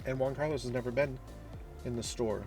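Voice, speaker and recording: A man's voice: medium pitch, fairly even intonation, brisk, music in the background. A man chatting casually to the camera as a vlogger, upbeat and explanatory, recorded in a car and in a store. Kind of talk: casual vlog chat.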